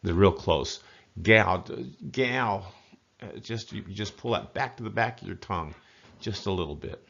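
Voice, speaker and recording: A man giving a casual spoken language lesson, chatty and folksy, slowly repeating words to model pronunciation. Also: low-pitched, vocal fry, slightly rough, dull audio. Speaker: language teacher.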